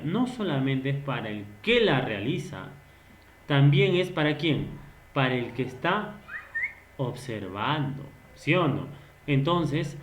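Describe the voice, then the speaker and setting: A man gives a recorded online lesson in a slow, measured delivery. He explains patiently, asks his students rhetorical questions and acts out short example phrases. The room around him is echoey. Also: medium pitch, slight background noise. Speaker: teacher.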